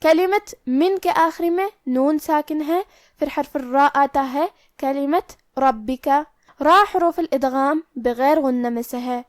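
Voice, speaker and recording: A woman with a high voice explains recitation rules slowly and carefully, one point at a time. The recording is dry and close, with no room sound. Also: dry recording. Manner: slow, careful, step-by-step explanation of pronunciation rules. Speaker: Quran recitation teacher. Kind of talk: tajweed lesson.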